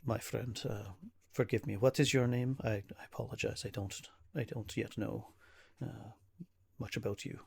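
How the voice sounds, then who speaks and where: A man voicing a stressed, tired young nobleman who speaks in a formal, halting, old-fashioned way. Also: lowish voice, fairly even intonation, vocal fry, darkish tone. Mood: worried. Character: weary young nobleman, grieving son of a town leader.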